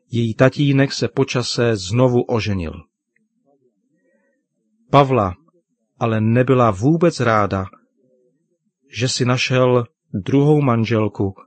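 Gentle man telling children a Bible story. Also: medium pitch, no room sound. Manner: warm, gentle, instructive. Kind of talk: scripted storytelling and devotional address to children.

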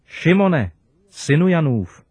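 A man reading the words of Jesus in a calm, solemn way. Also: fairly high pitch, breathy edge, no room sound. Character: Jesus, calm questioning teacher.

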